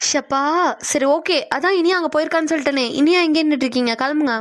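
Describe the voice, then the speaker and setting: A chatty young office girl in a cartoon, voiced by a woman, easily flustered and quick to protest. Her voice is high and she talks fast. The recording is dry and close. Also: dry recording, lightly acted. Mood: matter-of-fact. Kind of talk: cartoon voice acting.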